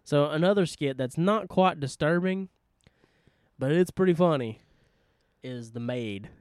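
A man co-hosting a casual podcast, reviewing comedy skits in an animated way and acting out their lines. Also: fairly high pitch, measured pace, no room sound, studio quality. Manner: animated, laughing, acts out skit lines. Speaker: podcast co-host.

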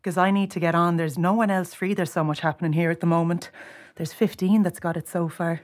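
A woman's voice: fairly low pitch, steady tone, fairly quick, darkish tone, close to an everyday voice. A woman with an Irish accent playing a busy, blunt young care worker in a naturalistic audio drama. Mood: brisk, harried.

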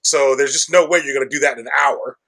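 This guest on a conversational podcast interview is a comic shop owner from Chicago, a husky middle-aged man who talks fast in a mid-range, slightly bright voice. He's chatty and explanatory, sprinkling his speech with "like" and "right?"

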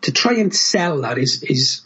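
Raspy-voiced guy guesting on a film podcast, fairly high, keen, swears a bit. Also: very animated, measured pace, pushed and bright. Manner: enthusiastic, swears casually, frequent tag questions. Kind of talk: casual film chat.

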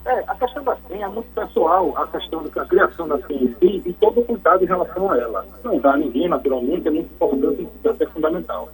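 A man calling in to a radio show to explain technology topics, heard over a phone line, speaking in a measured, explanatory way with frequent restarts. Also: fairly high pitch, animated, faint music behind.

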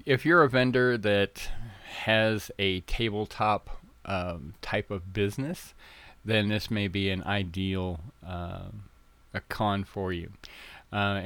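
A man's voice: fairly low pitch, fairly bright tone, clean tone, no echo. A man hosting a podcast, chatting casually in a rambling way, full of fillers and restarts, a bit tongue-tied early in the morning. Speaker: podcast host.

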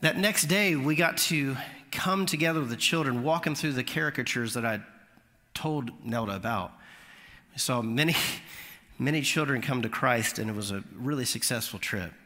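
A man preaching a sermon, telling a lively story and rising in pitch at the funny moments. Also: moderate pace. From Florida. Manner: animated storytelling, voice climbing high at punchlines. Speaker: pastor. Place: church sanctuary. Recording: long hall reverb.

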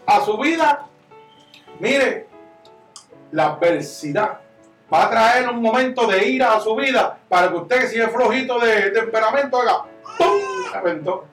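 A man preaching a sermon as pastor, impassioned and swinging from loud to hushed. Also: very high-pitched, animated, a little slow, recorded from a distance. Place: church. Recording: echoey church room, miked from afar, soft guitar behind.

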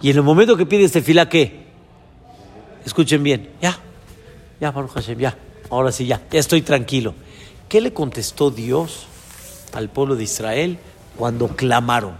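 A man, a rabbi giving an animated sermon who acts out little dialogues. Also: medium pitch, normal speed, pauses often. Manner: animated, acts out dialogues between father and son. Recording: long hall reverb.

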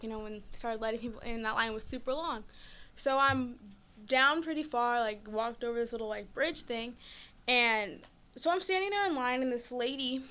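A young woman in casual chat, telling a story in an animated way and laughing often. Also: fairly high pitch. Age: young adult.

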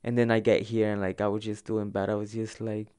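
A young man from El Salvador, a native Spanish speaker, telling his own migration story for an oral history in a halting way full of fillers. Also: on the low side, level tone, dark tone, clean tone. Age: young adult.

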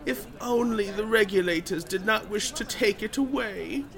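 An actor playing a grandiose travelling bard in a fantasy audio drama, with florid old-fashioned speech and dramatic pauses. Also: mid-range voice, creaky, a bit bright. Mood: ominous, boastful. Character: flamboyant, grandiose travelling bard, theatrical storyteller.

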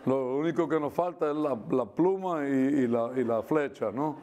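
A man's voice: mid-range voice, normal speed, noisy background. A middle-aged male preacher giving a sermon with personal testimony, talking conversationally with frequent tag questions and bits of English mixed in.

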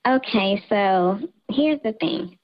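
Woman on a voice changer, morphing sound, hesitant, lively crowd noise behind, muffled line. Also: mid-range voice, slow pace. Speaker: caller. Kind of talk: on-air phone-in confession.

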